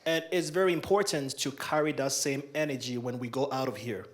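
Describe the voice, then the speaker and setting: A young man from Ghana presides over a libation ceremony in a large hall, his solemn invocations repeated into a handheld microphone. He talks briskly at a medium pitch in this ceremonial address.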